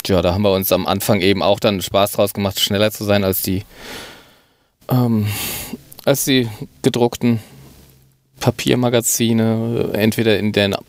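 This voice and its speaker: A middle-aged man with a fairly low voice talks in a relaxed, conversational podcast style. The recording is close and very dry, with no room around the voice. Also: normal speed, no echo. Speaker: podcast host, full-time mountain bike website editor. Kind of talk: casual podcast chat.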